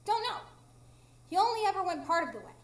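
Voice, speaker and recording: Fast and sing-song, a woman's very high voice brings a tiny, mischievous fairy to life for a live radio drama taped on stage in an echoey space. She is blunt and matter-of-fact, teasing in a childlike way.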